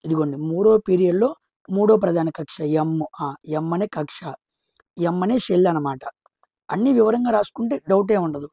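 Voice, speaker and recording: A woman teaching a chemistry lesson in a low, gravelly, mellow voice, recorded close and dry. She poses questions and answers them herself, counting items aloud and repeating key terms slowly. Her delivery is patient and step-by-step. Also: no echo. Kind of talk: explaining chemistry, drawing on a board.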